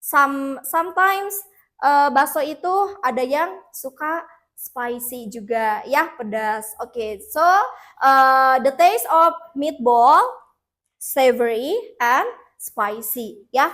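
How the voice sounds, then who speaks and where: A woman teaching an English lesson in a classroom, mixing two languages and leading slow repeat-after-me drills. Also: high voice, a bit bright.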